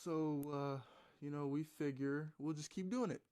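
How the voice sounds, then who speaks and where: A man's voice: a little high, fairly even intonation, a little slow, mellow, clean tone. A man, a gaming YouTuber, rambling through a casual story with loose swearing and plenty of fillers.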